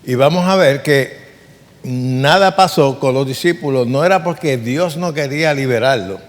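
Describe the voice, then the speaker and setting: A man preaches with earnest emphasis and keeps putting rhetorical questions to his listeners. His voice sits at an ordinary middle pitch. The sound rings out with the long reverb of a large church hall. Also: moderate pace. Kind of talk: sermon.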